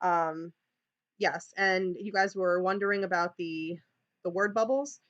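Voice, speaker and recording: A New York-accented teacher conducts a training session by screen share, chatting along with many "okay"s and restarted sentences. She speaks a little slowly in a lowish, fairly bright voice, and the recording is muffled.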